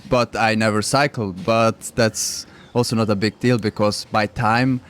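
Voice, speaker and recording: Being interviewed on the radio, this young Swiss cyclist of Croatian heritage speaks English as a non-native, in simple phrases, laughing easily and staying relaxed. His lowish voice sounds clean and unhurried.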